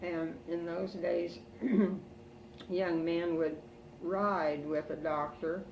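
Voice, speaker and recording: An older woman with an American Midwestern accent reminisces about family history in a halting way, pausing as an oral history interviewee at home. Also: on the low side, steady tone, gravelly, darkish tone. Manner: halting, slow elderly reminiscing with pauses. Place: in a room at home. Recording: roomy, distant home recording with background noise.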